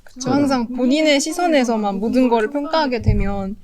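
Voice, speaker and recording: Woman host asking a guest questions, polite, sums things up, kinda higher voice, people chattering in the back. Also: a little fast, over a noisy crowd. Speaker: event host, interviewer. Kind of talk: hosting an online youth event.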